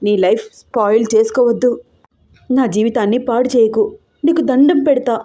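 A woman reads as a frightened young wife in a storybook audio drama, pleading and near tears. Her voice sits a little high but stays mellow and soft-edged. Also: moderate pace, close to an everyday voice. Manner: pleading, tearful outbursts. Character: troubled young married woman, fearful and pleading.

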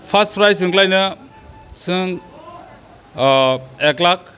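A man's voice: high-pitched, fairly bright tone, faint music behind. Hesitant middle-aged man from Tripura. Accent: Kokborok. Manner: hesitant, many pauses and fillers. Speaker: sports committee president. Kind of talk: outdoor interview answers. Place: open pavilion beside a sports ground. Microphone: handheld mic held by interviewer.

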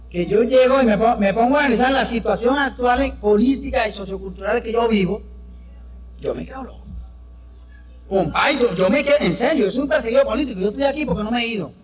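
High-voiced brash Venezuelan comedian. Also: male voice. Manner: brash, crude, chatty storytelling with the crowd. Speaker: stand-up comedian. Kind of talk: live stand-up comedy. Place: stage before a live audience. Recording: live show with crowd noise.

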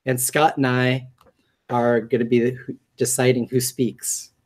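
A man with a high, nasal voice, hosting a meetup in a chatty, joking way with many ums and restarts. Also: level tone, measured pace. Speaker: meetup host. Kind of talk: casual talk to a group.

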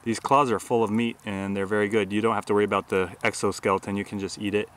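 This how-to narration comes from a man in his forties hosting a bushcraft video outdoors in a grassy park. He talks fast and flatly in a fairly low voice with a fairly bright tone, describing survival cooking matter-of-factly and dropping frequent fillers.

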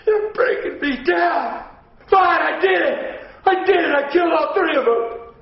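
A man's voice: fairly high pitch, expressive, fast talker, some chatter behind, lightly acted. Echoey, melodramatic American suspect, played by a man. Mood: desperate. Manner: protesting, blunt, melodramatic. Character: defiant, whiny male murder suspect cracking under interrogation. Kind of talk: comedy sketch acting. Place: small bare room indoors. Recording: echoey room, off-mic, faint noise, dull.

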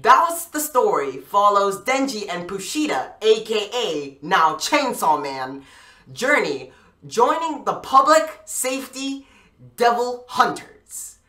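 A YouTube host reacting to an anime trailer, gushing and excitable, often restarting sentences and breaking into excited shouts. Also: medium pitch, takes it slowly.

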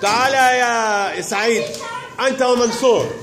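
Brisk male teacher running a class game. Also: very high voice, heavy background noise. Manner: brisk, directive, urging pupils on. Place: classroom, large room.

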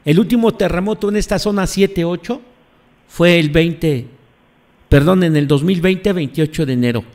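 A man's voice: fairly high pitch, normal speed, darkish tone. A man hosting live commentary on earthquakes, emphatic, repeating phrases and putting questions to his audience. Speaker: host.

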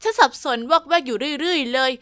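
A woman narrating a first-person story, lively and confiding, speaking straight to the listener. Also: sits high, fast talker.

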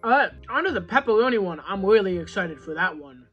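A man's voice: sits high, expressive, a little fast, dull audio. Young guy casually rating snacks at home, chatty, lots of you know, faint music behind. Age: young adult. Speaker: food reviewer. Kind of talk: casual food review vlog. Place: small room at home, seated at a table.

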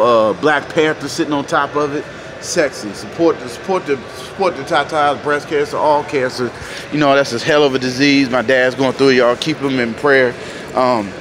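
A man from North Carolina, a truck driver casually vlogging to viewers in an animated, folksy way. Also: medium pitch, background noise. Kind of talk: casual vlog talk to viewers. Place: truck stop, indoors and outdoors in the lot.

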